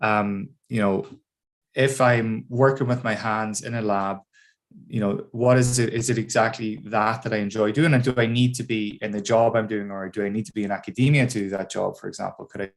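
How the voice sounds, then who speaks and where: Low-voiced Donegal Irishman. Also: fairly even intonation, moderate pace, creaky. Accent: Donegal, northwest Irish. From Donegal, Ireland. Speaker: guest speaker, engineer. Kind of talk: informal career talk to students.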